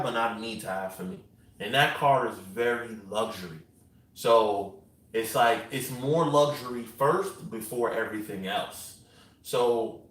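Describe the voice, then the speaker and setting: A man, hosting a vlog and answering viewer questions in a relaxed, rambling way with lots of fillers. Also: medium pitch, distant mic. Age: 30s. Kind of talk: casual live-chat answers. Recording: roomy echo, voice away from the mic.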